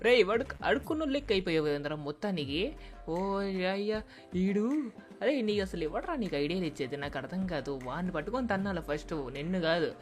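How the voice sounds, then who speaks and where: Woman doing a fed-up young dude yelling at a kid, super quick talker, lowish voice. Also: animated, soft background music, close to an everyday voice. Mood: scolding. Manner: scolding, shouting, exasperated. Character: exasperated young man scolding his kid buddy. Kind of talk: game dub role-play.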